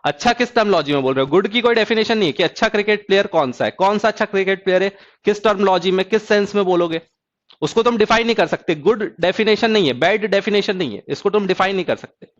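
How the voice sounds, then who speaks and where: A man teaching an exam-prep math lecture who keeps asking students if the point is clear and drawls key terms slowly. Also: high-pitched, muffled recording. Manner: asks students check questions.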